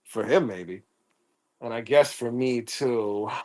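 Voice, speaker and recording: A man's voice: mid-range voice, takes it slowly, darkish tone. A man playing a tabletop game, jokey and stammering as he talks in character over faint music. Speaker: player.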